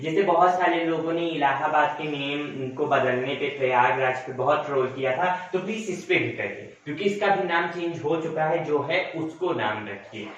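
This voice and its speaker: At a moderate pace with hardly any pauses, the young coach lectures in a slightly high voice, repeating himself and self-correcting while calling students friends. The sound is dull and distant, in a very echoey room.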